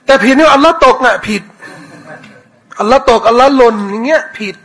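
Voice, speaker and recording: A man teaching a commentary lesson on scripture, answering questions in a casual way, repeating words and reciting verses slowly. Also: extremely high pitch, a bit bright, poor audio. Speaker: Islamic teacher.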